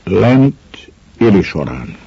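A man performs a brooding man confessing an old killing in a dramatic monologue. His voice is low, dark and husky, and it rises and falls widely before sinking into whispers. The recording is dull and lo-fi. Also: big pitch swings, no room sound, heavily acted. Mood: grave. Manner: grave, measured storytelling that drops to hushed whispers.

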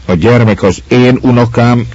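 A stern old landowner, gruff and used to being obeyed, as a male reader puts him on. He pushes out commands in a raised, hoarse-edged voice. The audio is a little muffled. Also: medium pitch, fairly even intonation, no room sound, pitched above the performer's own voice, natural voice. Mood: pleading, stern. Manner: commanding, shouting orders.

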